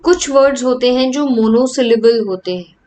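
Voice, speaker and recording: A woman teaching a grammar lecture, reading example sentences slowly and then explaining them more quickly in Hindi. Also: fairly high pitch, a little mellow, a little hiss or hum.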